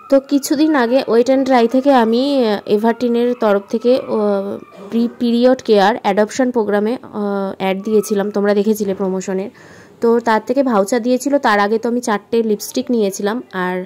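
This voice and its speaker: A woman's voice: fairly high pitch, a little mellow. A young woman with a West Bengal Bengali accent chats to viewers at home in a casual family vlog, filmed on a handheld phone, and coaxes her child along. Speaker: family vlogger. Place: home, indoors.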